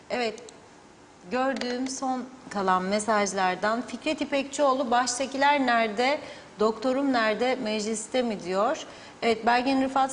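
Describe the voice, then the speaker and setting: A woman's voice: a little high, big-room sound, slight background noise. A woman presenting on TV, steadily reading out viewer messages. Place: TV studio.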